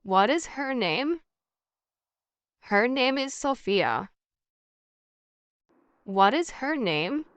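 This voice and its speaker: A woman teaching English through a scripted practice dialogue, speaking at a very slow, deliberate pace. Her voice is smooth and crisp, and she sits a little high for a woman. Every line comes out carefully enunciated in a dry, close sound. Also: very animated, dry recording. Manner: reads each question and answer twice, carefully enunciated. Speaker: language teacher.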